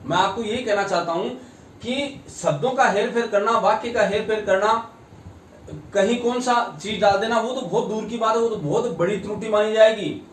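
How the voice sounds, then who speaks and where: High-voiced man teaching grammar, roomy sound. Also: a little hiss or hum. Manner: slow, emphatic, repeats key words. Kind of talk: grammar lesson with a told anecdote. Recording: roomy, distant mic, faint ambience.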